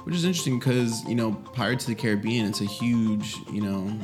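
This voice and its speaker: A man's voice: on the low side, animated, fairly quick, over music. A man co-hosting a casual podcast, laid-back, mostly giving short replies and dry jokes. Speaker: podcast co-host.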